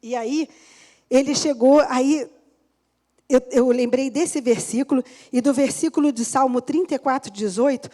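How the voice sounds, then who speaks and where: A woman's voice: sits high, normal speed, mellow. A middle-aged woman pastor preaching a sermon in church, telling a personal testimony and laughing often as she talks to the congregation.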